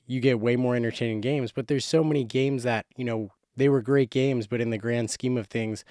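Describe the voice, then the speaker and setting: A man's voice: medium pitch, darkish tone, clear, resonant tone, dry recording, studio quality. A man hosting a YouTube sports show from a closet, giving casual, slangy, emphatic commentary in a monologue. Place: small closet indoors.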